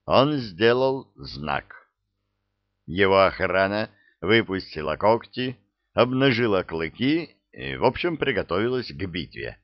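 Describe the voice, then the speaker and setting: A man narrating a fantasy audiobook with expressive storytelling. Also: lowish voice, measured pace, no room sound. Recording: dry, slightly muffled recording.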